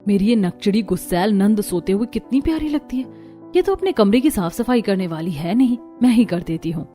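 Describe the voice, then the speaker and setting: Woman playing a gentle cartoon daughter-in-law, soft-spoken. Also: medium pitch, expressive, a little fast, faint music behind, natural voice. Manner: soft, polite.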